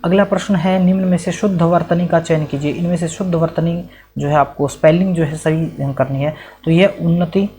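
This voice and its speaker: A male teacher runs an exam-prep quiz lesson, posing questions and answering them himself while often checking in with "right?" to make sure the listener follows. His voice is somewhat high and dark in tone, with fairly even intonation at a normal speed.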